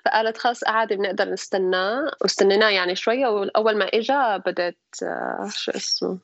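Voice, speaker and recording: A woman's voice: medium pitch, fast talker, no echo, muffled recording. A young woman with a Levantine Arabic accent, chatting casually about her own life and mixing English words and phrases into her Arabic. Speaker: interviewee, a mother telling her birth story. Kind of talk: casual personal storytelling.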